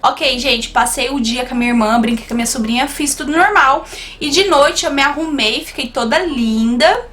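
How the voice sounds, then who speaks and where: A young woman telling a personal story to her viewers in an animated storytime vlog. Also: sits high, normal speed. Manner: animated, keeps addressing viewers as "gente". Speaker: YouTuber.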